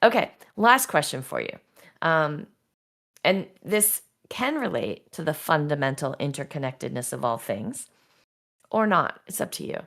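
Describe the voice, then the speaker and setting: A woman's voice: sits low, very animated, unhurried, vocal fry, fairly bright tone. A woman hosting a podcast, asking questions and closing the episode in a friendly way with some fillers. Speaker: podcast host.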